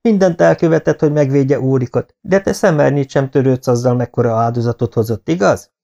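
A stern, controlled Norman baron, read by a male audiobook narrator. His voice stays soft and low but carries a hard, gravelly edge, darkly toned. The recording sounds slightly dull. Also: natural voice. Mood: cold.

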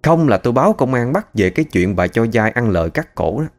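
A man's voice: mid-range voice, very animated, a little fast, faint music behind. A man voicing a stern male temple caretaker who warns and threatens.

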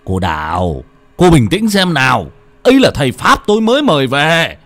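Elderly village elder, measured, calming, narrator voicing him. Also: male voice, sits low, pitched below the performer's own voice. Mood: firm. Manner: firm, soothing, measured. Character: elderly village elder man, kindly but firm.

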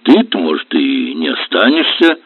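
A man voicing a gruff, grumbling middle-aged helmsman with rough, mocking speech, read for a storybook. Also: mid-range voice, wildly swooping pitch, normal speed, dry recording, pitched above the performer's own voice, heavily acted. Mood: resentful. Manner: sullen, mocking, rough colloquial. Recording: tinny dry lo-fi audio.

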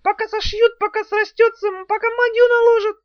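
A man's voice: very high voice, flat delivery, brisk, no room sound, voice pushed up. A man voicing a hysterical male demon turned into a giant caterpillar, squealing and wailing in a dull, dry recording. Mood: panicked squeal.

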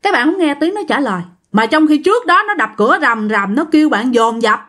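A woman's voice: high voice, a little fast. A woman telling a ghost story to her listeners, acting out the voices of the people in it. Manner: lively, acts out the quoted voices. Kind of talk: storytelling to an audience.

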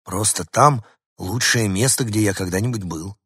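A man reading a first-person children's story aloud in a lively, expressive way. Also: lowish voice, normal speed, husky, no echo, clean studio sound. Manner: lively, character-voicing storyteller. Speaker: audiobook reader.

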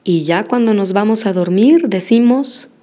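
Slow, patient woman teaching language drills. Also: mid-range voice, animated, mellow. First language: Spanish. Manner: encouraging, models pronunciation slowly and praises.

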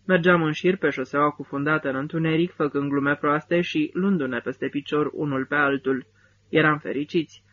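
A man's voice: a little high, fairly even intonation. Man narrating an audiobook, slightly muffled. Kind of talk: scripted first-person literary narration.

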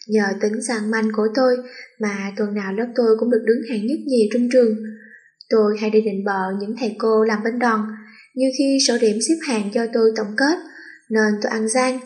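Casting: female storyteller, somewhat high voice, playful first-person audiobook read. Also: darkish tone. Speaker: audiobook reader.

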